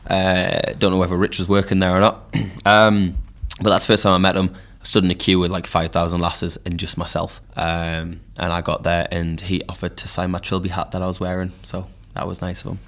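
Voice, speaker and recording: Give me a deep Geordie man, casual and rambling, talking music in a pub. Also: a little fast, hardly any pauses. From Newcastle, England. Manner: relaxed storytelling with frequent fillers. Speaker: podcast host and musician.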